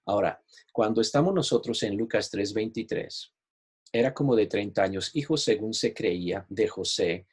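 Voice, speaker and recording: A man leads a Bible study, explaining the material patiently and in careful steps. His voice sits a little low and has a faintly husky edge. He keeps checking in with his listeners as he goes. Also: normal speed, darkish tone. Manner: explanatory, repeats "¿ok?" to check understanding; shares screen while teaching, online class. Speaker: Bible teacher.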